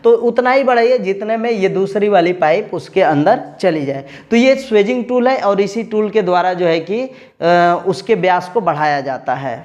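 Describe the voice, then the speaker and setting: A man's voice: high voice, animated, normal speed, darkish tone, highs cut off. A man explaining, step by step, how to weld AC copper pipes, talking directly to his students as an instructor. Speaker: AC repair instructor. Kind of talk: tutorial lesson.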